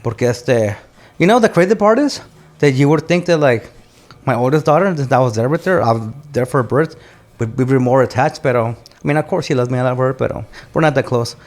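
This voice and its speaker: A man's voice: mid-range voice, a little fast, a little mellow. A man in his forties, a military veteran and father, telling rambling stories on a podcast with many restarts. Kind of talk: casual storytelling chat.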